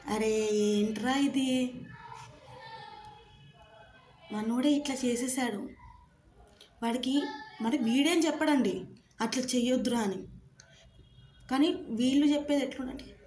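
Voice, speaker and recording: A woman's voice: a little high, darkish tone, a little hiss or hum. A woman giving an earnest motivational talk to camera, asking her listeners rhetorical questions and mixing in English phrases. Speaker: motivational speaker.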